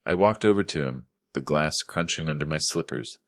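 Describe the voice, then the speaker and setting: An older man narrating a first-person family drama story in a steady, measured way. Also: extremely low pitch, no room sound, studio quality.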